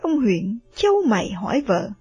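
Brief: woman storyteller, high and breathy, close dry reading. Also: a little slow, dry recording, faint music behind. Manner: steady expressive reading. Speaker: narrator. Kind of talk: storybook narration.

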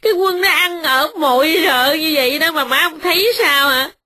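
A woman voicing a quarrelsome young wife who scolds in a high, sobbing voice. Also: normal speed, pushed and bright. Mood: tearful complaint.

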